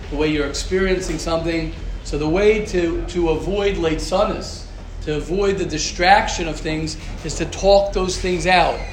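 High-voiced rabbi teaching a class. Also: male voice. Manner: repetitive, rhetorical questions, Yiddish-Hebrew terms. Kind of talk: Torah class talk. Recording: echoey room with background noise.

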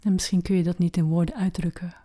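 A woman leading a guided meditation slowly and gently, with long pauses, in a soft voice that often turns to a breathy near-whisper. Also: lowish voice, steady tone.

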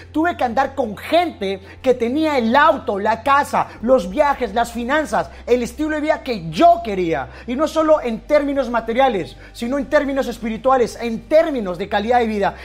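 A man giving an impassioned motivational speech, swinging between loud bursts and hushed, intense lines. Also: very high voice. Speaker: motivational speaker.

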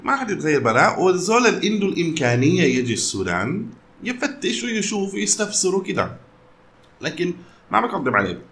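A man's voice: high voice, very animated, fast talker, creaky, fairly bright tone, slight background noise. A man with a Sudanese Arabic accent in casual conversation, switching often between Arabic and English. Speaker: company founder.

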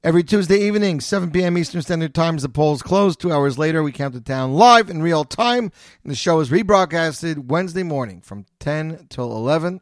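A man's voice: on the high side, dry recording, studio quality. A man hosting a live music radio show, delivering it in an announcer's top-ten countdown style with dramatic lifts. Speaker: radio host and DJ.

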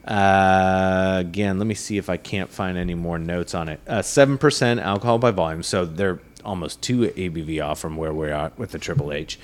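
A man hosting a casual podcast, chatting and reviewing a beer in a rambling, animated way. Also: sits low, normal speed, few pauses. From United States. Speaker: podcast host.

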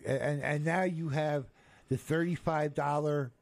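A man's voice: a little high, fairly even intonation, measured pace, creaky. A man hosting a casual live radio chat, joking and rambling with stumbling restarts. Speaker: radio show host.

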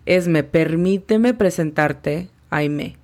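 Slow, low-voiced woman teaching English. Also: a little mellow. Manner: slow, careful spelling-out of English words. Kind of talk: language lesson.

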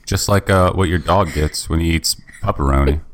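A man co-hosting a podcast in casual chat, making deadpan absurd jokes with halting starts. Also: deep voice. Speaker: podcast co-host.

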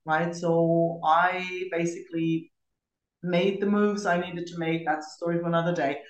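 Appearing on a podcast, an East German woman of middle age recounts her life conversationally, dropping in casual asides. She speaks in a lowish, flat voice at a moderate pace, with echoey room sound around her.

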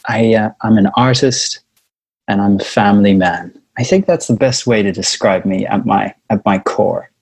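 A South African man telling his life story in a relaxed conversational interview, speaking over a video call with a warm storytelling manner and frequent chuckles. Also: lowish voice, normal speed, creaky, husky, no room sound. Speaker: lead singer, interview guest.

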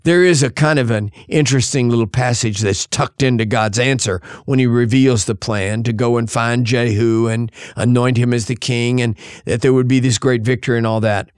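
A male pastor preaching a sermon, shifting dramatically between loud and hushed delivery. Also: mid-range voice, steady tone, normal speed, hardly any pauses, clean tone, no echo, clean studio sound.

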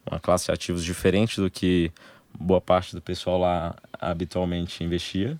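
Low-voiced Brazilian man explaining at length. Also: little pitch movement, darkish tone, no echo. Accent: Brazilian Portuguese. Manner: explains in short, halting phrases. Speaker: interview guest, angel investor group member. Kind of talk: casual interview conversation.

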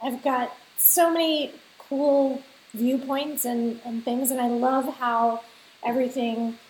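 A woman hosting an interview podcast, talking casually and slowly, laughing easily. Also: sits high. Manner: slow and relaxed, laughs easily. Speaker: podcast host. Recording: roomy echo with faint hiss.

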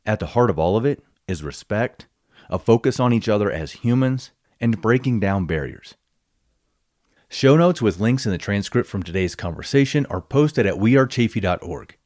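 A man hosting a conversational podcast, speaking in an earnest, measured way as he introduces his guest and asks questions. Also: fairly low pitch, expressive, a little mellow, no echo, clean studio sound. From Colorado. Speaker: podcast host. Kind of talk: podcast interview.

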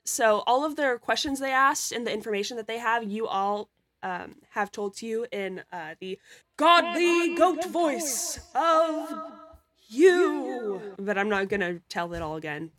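A woman's voice: fairly high pitch, expressive, measured pace, a bit bright. A playful, giggly woman improvising narration as game master of a tabletop role-playing game.

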